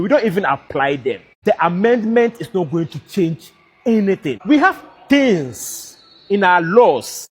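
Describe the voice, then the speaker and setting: A man's voice: fairly high pitch, slightly rough. A man lecturing emphatically, with a scornful edge. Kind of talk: commentary on the constitution.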